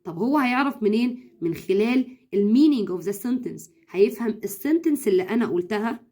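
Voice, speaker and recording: A woman with an Egyptian Arabic accent, an English tutor giving brisk advice to parents, slipping in English words and slowly sounding out syllables. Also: on the high side, expressive, mellow. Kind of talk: instructional talk to parents.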